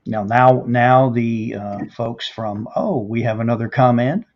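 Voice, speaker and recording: Male livestream host, affirming and chatty, mid-pitched, dull lo-fi audio. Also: measured pace. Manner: affirming, reads viewer comments aloud. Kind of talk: livestream chat.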